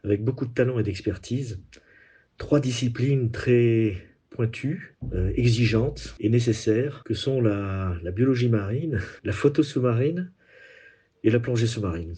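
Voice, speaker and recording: A man leaving a prepared, earnest tribute message in a measured, admiring manner. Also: mid-range voice, mellow, husky. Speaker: industry acquaintance leaving a tribute.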